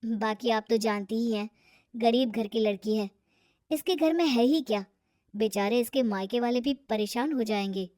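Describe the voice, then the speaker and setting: A woman's voice: a little high, moderate pace, dark tone, dry recording, studio quality, pitched below the performer's own voice, close to an everyday voice. Woman voicing a weary young husband.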